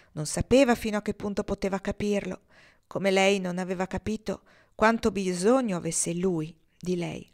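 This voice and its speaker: Woman reading a novel aloud. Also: mid-range voice. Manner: measured, expressive reading. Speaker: audiobook reader. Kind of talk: literary audiobook narration.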